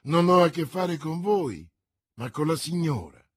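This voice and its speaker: Husky young swordsman, jealous and fiery, read out by a man, impassioned pleading. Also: on the high side, animated, unhurried, voice pushed up. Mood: indignant. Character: young hot-headed jealous male swordsman.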